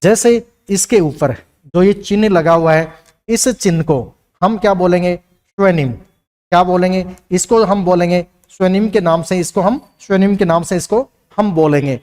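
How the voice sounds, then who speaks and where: A man's voice: high-pitched, a little slow, darkish tone. Man, teacher, classroom lecture, asks and answers his own questions, repetitive. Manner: asks questions and answers them himself, repeats key lines. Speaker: Hindi teacher.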